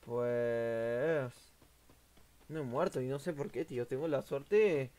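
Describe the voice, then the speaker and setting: A young man, streaming a game and commentating live, excitable and swearing at the action. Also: medium pitch, slow. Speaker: gaming streamer.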